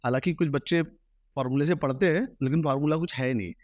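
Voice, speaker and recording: A man's voice: fairly high pitch, fast talker, darkish tone, no echo, highs cut off. A man who teaches maths, giving earnest advice to exam students in an interview. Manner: earnest, advising students directly. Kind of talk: interview answers.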